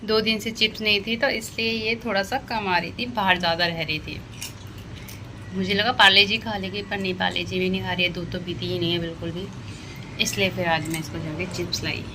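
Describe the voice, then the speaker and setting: A woman's voice: lowish voice, fairly even intonation, a little fast, noisy background. A young woman narrating her daily chores in a casual home vlog, chatty and talking straight to the camera. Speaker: vlogger.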